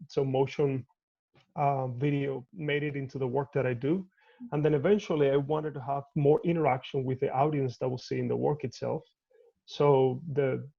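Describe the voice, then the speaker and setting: A man's voice: medium pitch, creaky, warm tone, dull audio. A man from Cuba, an artist talking thoughtfully in a video call interview from home, often restarting his sentences. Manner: measured, thoughtful, with frequent restarts.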